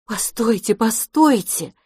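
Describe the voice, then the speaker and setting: A woman's voice: on the high side, lively intonation, takes it slowly, mellow, breathy edge, dry recording, studio quality, pitched above the performer's own voice, full character voice. A woman voicing a caring, flustered mother mouse. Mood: fretful. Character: kind, fussy mother mouse.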